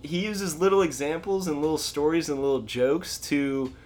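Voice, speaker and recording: A man's voice: fairly high pitch, normal speed, background noise. A man co-hosting a casual pop-culture podcast, retelling scenes with lots of fillers and restarts. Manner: rambling, filler-heavy, animated retelling. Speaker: podcast co-host. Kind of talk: casual chat.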